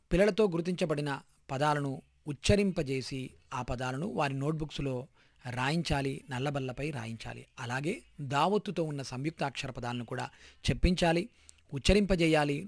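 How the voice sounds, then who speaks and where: A man reads a school lesson plan aloud, item by item, in a measured and even delivery. His voice sits a little high for a man. The sound is close and dry, with no room around it. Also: gravelly, no echo. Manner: measured, list-like reading. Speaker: teacher reading a lesson plan.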